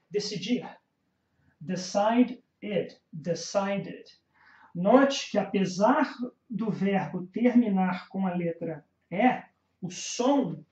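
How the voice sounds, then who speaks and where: A man with a Brazilian accent teaches English pronunciation, drilling each word slowly and deliberately. His voice sits at an ordinary pitch in a roomy space. The recording is slightly dull and muffled. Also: a little mellow. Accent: Brazilian Portuguese. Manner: slow, careful drilling of English words between Portuguese explanations. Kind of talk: pronunciation lesson.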